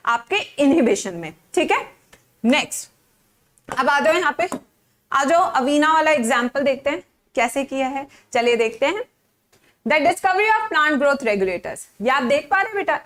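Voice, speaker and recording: A young woman teaching a live online biology class, her voice high and bright. She swoops up and down with lots of expression, jokes with her students and fires quick questions that she answers herself. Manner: animated, playful, mixing Hindi and English, asks and answers own questions.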